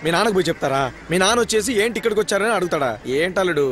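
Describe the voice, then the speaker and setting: A man's voice: sits high, animated, rapid-fire, fairly bright tone, a little hiss or hum. A man playing a fussy, emotional uncle in dubbed film dialogue. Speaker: uncle of the young couple. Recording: dubbed film audio with music behind.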